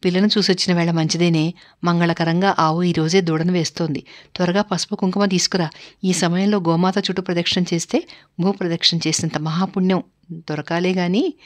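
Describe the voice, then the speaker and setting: A woman voicing a bossy, pious older mother-in-law who gives brisk orders. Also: fairly low pitch, fairly even intonation, close to an everyday voice. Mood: hurried, eager. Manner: commanding, brisk, giving orders.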